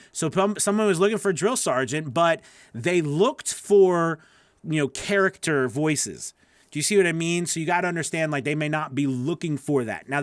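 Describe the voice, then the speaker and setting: A voice-over coach answers live questions in a casual livestream Q&A, speaking in a fairly high, slightly bright voice. He rambles, corrects himself as he goes and says "you know" a lot. The tone is clean, with no room sound.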